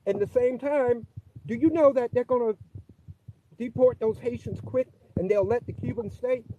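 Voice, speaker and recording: A man's voice: very high-pitched, normal speed, dark tone. Muffled male caller, as if through a wall. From United States. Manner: heated, complaining, repeats himself. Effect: muffled, as if heard through a wall. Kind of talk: call-in talk show caller.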